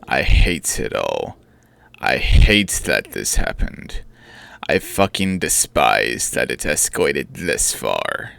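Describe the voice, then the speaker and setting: A man's voice: a bass voice, vocal fry, a bit bright. A man narrating his own first-person story as an audiobook, in a subdued, mournful reading. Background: faint guitar music.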